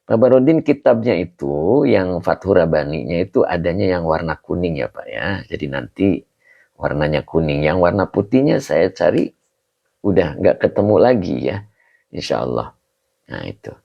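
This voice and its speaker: A man's voice: deep voice, big pitch swings, normal speed, gravelly. A man teaching a religious text class over a video call, greeting students by name and explaining patiently. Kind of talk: online kitab class. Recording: dull lo-fi call audio.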